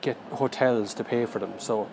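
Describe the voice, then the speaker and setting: An Irish man with a gravelly, creaky voice rambles casually through a live question session. He is slangy and jokey, speaking at an average pitch into a phone in an airport terminal with faint noise around him. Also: moderate pace. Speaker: car reviewer livestreaming. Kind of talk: casual live chat, answering viewer questions. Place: large indoor airport terminal. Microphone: handheld phone.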